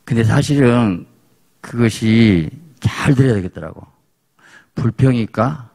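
Gravelly pastor with a Jeolla accent. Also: male voice, mid-range voice, lively intonation, measured pace, warm tone. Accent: Jeolla Korean. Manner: emphatic, repetitive exhortation. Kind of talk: sermon.

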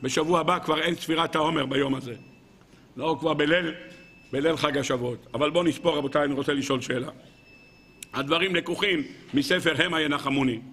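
A man preaching a sermon as a rabbi, asking his listeners questions and swinging between loud exclamations and soft asides. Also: a little high, husky. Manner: asks the audience questions.

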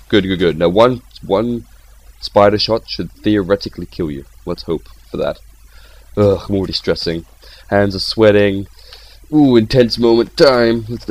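Young male gameplay host, deep voice, rambling and excitable. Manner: chatty and rambling, with excitable outbursts. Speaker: gaming channel host. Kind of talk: casual gameplay commentary.

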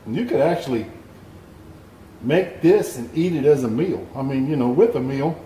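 At his kitchen stove, a man hosting a home cooking show explains each step in a relaxed, folksy way, his medium-pitched, dark voice expressive and at normal speed. Filmed from above the stove showing his hands, the casual demo has an echoey sound with faint clatter from the pan.

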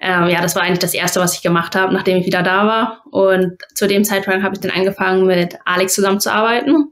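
A young woman from Germany answers questions on a video call from a room at home. Her pitch stays level and even, and she talks plainly and matter-of-factly, with light fillers. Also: fast talker. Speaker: guest athlete. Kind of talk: casual interview answers.

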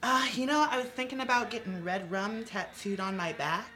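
A young man co-hosting a casual horror film chat in a campy, gushing, animated way. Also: high voice, moderate pace. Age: young adult. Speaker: co-host. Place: indoor horror-themed studio set. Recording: music behind the voice.

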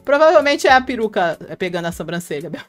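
Speaking fast in a sing-song, medium-pitched voice, a Brazilian woman hosts a casual live stream over a headphone mic, reading viewer comments aloud and chatting with fans by name. She laughs often, has a Brazilian Portuguese accent, and soft music plays behind her.

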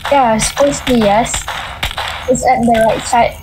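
A woman's voice: fairly high pitch, steady tone, normal speed. A woman with a Malaysian accent chatting casually as a co-player, in short colloquial replies mixing English and Malay. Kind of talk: casual gameplay chat. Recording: clear game noise behind. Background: video game ambience and sound effects.

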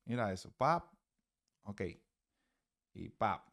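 A man's voice: on the low side, animated, slow pace, fairly bright tone. A man, a baseball hitting coach, giving blunt, profane, emphatic swing-analysis commentary.

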